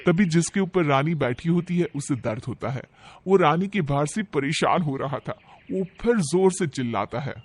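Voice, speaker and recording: A man giving scripted narration for a cartoon story in an even storytelling manner. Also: on the high side, normal speed.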